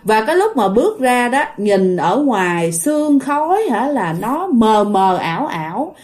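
A woman's voice: fairly high pitch, sing-song, measured pace, a little mellow. A woman with a Southern Vietnamese accent telling a ghost story in a chatty way, talking straight to her listeners. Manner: chatty, addresses listeners directly, frequent filler particles. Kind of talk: casual ghost story narration.

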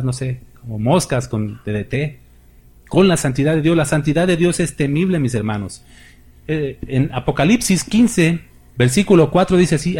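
A man's voice: medium pitch, darkish tone, husky. A male pastor preaching a sermon, reading scripture aloud with rising emphasis and speaking directly to the congregation.

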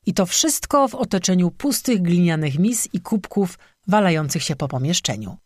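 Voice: medium pitch, sing-song, moderate pace, darkish tone, no echo, studio quality. A reader giving vivid scripted narration of a folk legend. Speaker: audiobook narrator.

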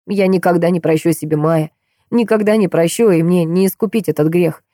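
Tormented male vampire, low and weary, cold guilt, read by a woman narrator, dark mellow tone. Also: a little fast, dry recording, studio quality, lightly acted. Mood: confessing.

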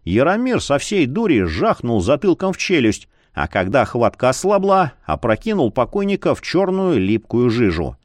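A man narrating a fantasy novel in a dramatic, expressive reading. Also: moderate pace, hardly any pauses, dry recording. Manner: expressive, swinging pitch. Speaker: audiobook narrator. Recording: dry close studio sound.

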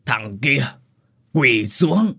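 Man voicing a hoarse commanding ghost, husky, low and dry, storybook. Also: very animated, drawn-out words, sharp tone, dry recording, heavily acted. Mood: menacing. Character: raspy ghost possessing a young man, menacing.

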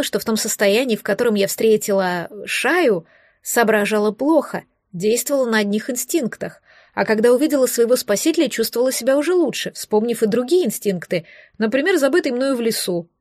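A woman's voice: on the high side, lively intonation, a little fast, no room sound, clean studio sound. A woman narrating a first-person audiobook in a wry, self-mocking storytelling manner.

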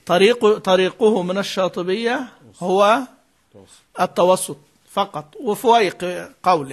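A man with a high, somewhat bright voice lectures on the rules of Quran recitation. He repeats key terms and prompts his students to fill in the answers.

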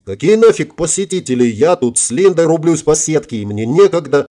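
A man's voice: fairly high pitch, lively intonation, brisk, mellow, pitched above the performer's own voice, natural voice. A man voicing a brash young man who is easily annoyed. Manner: brash, laughing.

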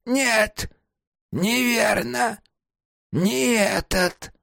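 A male audiobook reader voicing a confused, furious old woman over seventy with a raspy, cracking voice and slow, drawn-out wails. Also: sits high, no room sound, studio quality, voice pushed up, exaggerated voice. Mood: lost, deflated. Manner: slow, drawn-out wailing and shouting.

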